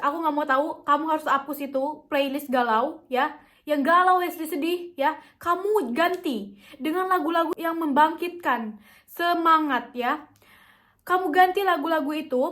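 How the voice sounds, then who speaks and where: A woman's voice: high voice, a bit bright. A young woman talking straight to her viewers, coaxing and chatty, and repeating her points for emphasis. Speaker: self-help vlogger. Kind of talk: motivational talk to camera.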